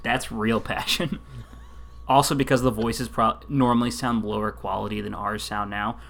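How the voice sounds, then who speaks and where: Relaxed rambling man chatting. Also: lowish voice, moderate pace, creaky, a little hiss or hum. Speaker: podcast co-host. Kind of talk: casual chat.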